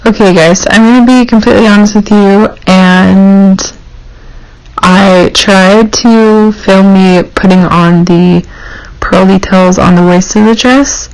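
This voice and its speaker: A woman's voice: medium pitch, steady tone, slow pace, clear, resonant tone, rough recording. A young woman hosting a craft tutorial, narrating informally and explaining each step in a casual way.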